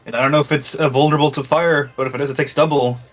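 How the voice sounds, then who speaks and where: Male player with a bright, sharp voice, rambling and self-correcting as he takes his turn. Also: fairly high pitch, fairly even intonation, rapid-fire, soft background music. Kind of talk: casual tabletop play over voice chat.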